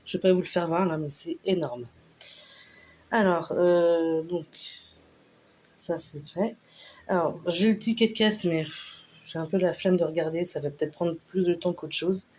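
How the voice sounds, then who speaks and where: A woman casually talking through a shopping haul, unhurried and hesitant with lots of fillers. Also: lowish voice, darkish tone, a little hiss or hum. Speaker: vlogger showing a store haul. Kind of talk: casual haul video chat.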